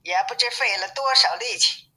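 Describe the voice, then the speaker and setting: A woman's voice: fairly high pitch, normal speed, sharp tone, voice pushed up, low-quality recording. A woman reading the lines of a lazy, cheeky male pig-monk in a storybook, in a grumbling, colloquial way.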